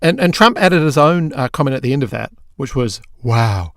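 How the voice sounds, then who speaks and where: A fairly high-voiced man riffs his way through a casual comedy podcast. He jokes, laughs easily and drops the odd swear word. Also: animated, brisk, a bit bright, no echo, studio quality. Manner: jokey, laughs often, swears. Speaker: podcast co-host.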